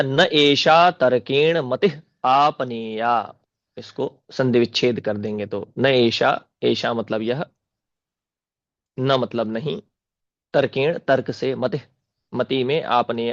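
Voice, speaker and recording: A man from North India, a spiritual teacher, gives a deliberate scripture commentary lecture and repeats Sanskrit words aloud as he explains them. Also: mid-range voice, creaky, dry recording. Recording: dull, dry lo-fi recording.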